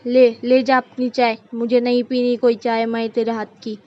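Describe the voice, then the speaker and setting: A woman voicing a bossy, scolding middle-aged mother-in-law in a cartoon, with a sharp, commanding way of talking. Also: a little high, flat delivery, normal speed, natural voice. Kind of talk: cartoon voice acting. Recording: dull lo-fi recording.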